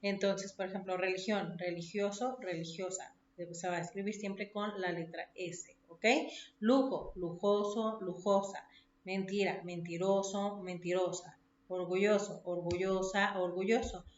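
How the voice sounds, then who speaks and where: A woman's voice: medium pitch, fairly even intonation, unhurried, darkish tone. A woman teacher giving a recorded lesson, listing words one by one and checking in with her listeners after each point. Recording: dull echoey room recording.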